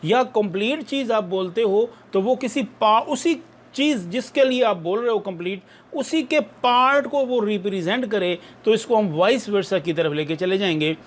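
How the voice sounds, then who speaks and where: A man with a high-pitched voice speaks at a normal speed as he teaches an English lesson, explaining things carefully and repeating pronunciation drills. It's a recorded online lesson delivered in Urdu-Hindi with English terms mixed in.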